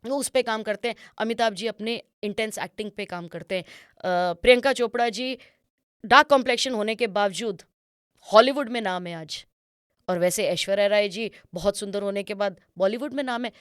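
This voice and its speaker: A woman of medium pitch talks at a normal speed as an image consultant and interview guest, patiently explaining points. Her tone is clean and the recording is dry and studio quality. She is instructive and mixes English phrases into her Hindi.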